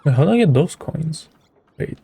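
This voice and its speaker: A young male streamer with a mellow, gravelly voice comments casually on a game. He sounds laid-back and amused, with faint music behind him. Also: fairly high pitch, big pitch swings, normal speed. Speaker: game streamer reacting to a playthrough.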